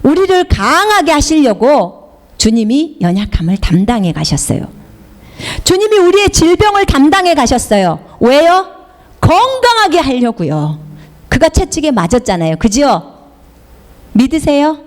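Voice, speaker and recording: High, animated woman preaching emphatically. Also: unhurried. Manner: emphatic, repeating phrases for the congregation to echo. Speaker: missionary preacher. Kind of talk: sermon with call-and-response.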